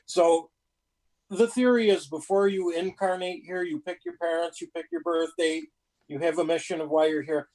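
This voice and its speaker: A man's voice: a little high, steady tone, moderate pace, a little mellow, low-quality recording. A man chatting casually on a paranormal talk show in a folksy, colloquial, rambling way. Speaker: panelist on a paranormal live show. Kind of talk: casual chat.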